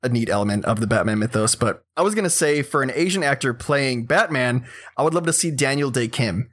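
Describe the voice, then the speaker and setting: A young man co-hosting a casual chat, enthusiastic and animated, swearing now and then. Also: mid-range voice, brisk. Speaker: podcast co-host.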